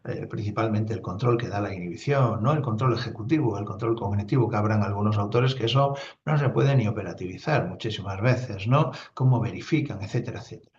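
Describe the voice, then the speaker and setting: A man's voice: lowish voice, brisk, hardly any pauses, a little hiss or hum. A man giving a neuropsychology lecture, explaining with fillers and asides. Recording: dull lo-fi recording.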